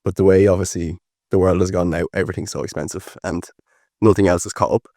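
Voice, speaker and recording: A very low-voiced Irish man in his twenties chats easily as a podcast guest, rambling through his answers at a quick pace and peppering them with fillers. The recording is dry and close, like a casual interview.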